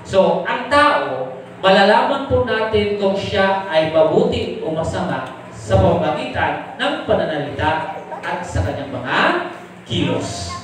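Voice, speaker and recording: A male pastor preaches a live sermon, his voice pitched notably high for a man. He keeps asking the congregation rhetorical questions and slips into English for key points. The sound rings around a very reverberant church hall, picked up from a mic well away from him. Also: lively intonation, unhurried, slight background noise. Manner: switches into English for summary points. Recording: very echoey live church recording from a distant mic.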